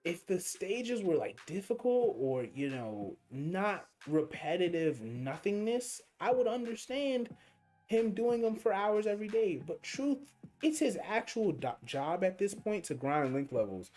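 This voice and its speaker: This gaming streamer's voice is high with a darkish tone and big pitch swings, and he talks a little slowly. Over faint game music, the young man rambles through slangy, think-aloud commentary while livestreaming a mobile game.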